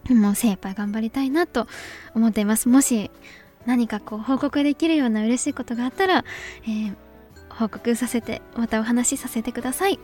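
A young woman hosting a solo talk show, chatting earnestly and softly with many fillers. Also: on the high side, brisk, faint music behind. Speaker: podcast host.

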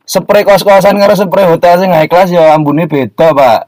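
A man co-hosts a casual chat and keeps joking and teasing the others. His voice sits a little high. The sound is dry and close. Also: fairly even intonation, moderate pace, darkish tone, no echo, low-quality recording.

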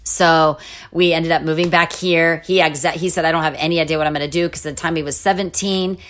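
A middle-aged woman telling a personal story in a casual interview, animated, with restarts and laughing asides. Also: low-pitched, fairly quick. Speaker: interview guest.

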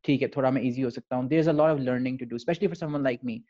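A man with a Pakistani accent telling personal stories in a thoughtful, halting conversational way, switching between English and Urdu. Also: mid-range voice, warm tone, highs cut off. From Lahore, Pakistan. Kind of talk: reflective conversational storytelling.

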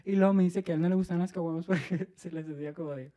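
Mexican man telling a story, mellow voice. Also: sits high, rapid-fire. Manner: animated, laughing, acts out quoted voices. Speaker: podcast co-host. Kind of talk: casual storytelling chat.

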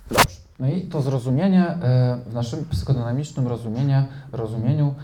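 A man's voice: mid-range voice, moderate pace, reverberant, very noisy. A man, a psychotherapist, giving a live lecture to an audience, explaining at length with frequent hesitation fillers and tag questions.

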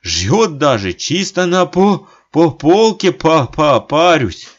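A stout, merry workman, as a male narrator voices him, deferential yet stubborn, puffing and rasping through chattering stutters. His voice jumps well above the narration and pushes loud. The audiobook recording sounds dull and lo-fi. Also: a little high, big pitch swings, slow pace, voice pushed up, full character voice. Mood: shivering. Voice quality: hoarse, puffing, stuttering from cold.

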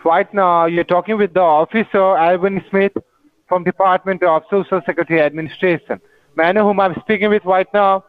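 A man's voice: high voice, fairly even intonation, fairly quick. A man posing as an officer on a scam call, reciting a formal phone greeting. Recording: tinny phone line.

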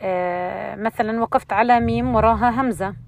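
A woman teaching the rules of Quran recitation in an explanatory lesson, pausing often with fillers. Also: on the high side, gravelly.

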